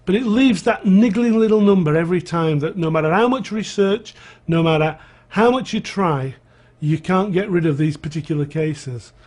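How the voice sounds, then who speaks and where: Higher-voiced man, researcher. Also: normal speed, darkish tone. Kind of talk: interview comment.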